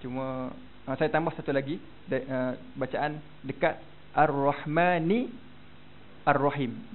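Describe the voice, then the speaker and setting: A Malaysian male religious teacher leading a Quran recitation class, modelling Arabic pronunciation and having students repeat after him. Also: a little high. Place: prayer hall. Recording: tinny phone-like recording with faint noise.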